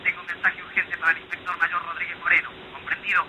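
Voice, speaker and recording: A man calls urgent orders over a two-way police radio, spelling words letter by letter in a commanding tone. His voice is sharp and bright, set a little high. A faint hiss sits under the transmission. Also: completely flat delivery, quick pace, low-quality recording.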